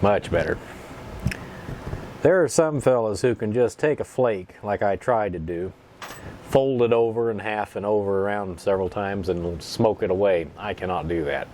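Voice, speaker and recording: A man chatting casually and telling stories in an unhurried, rambling, folksy way, at times with a pipe in his mouth. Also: on the low side, darkish tone, slight background noise. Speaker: pipe-smoking vlogger. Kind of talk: casual storytelling chat.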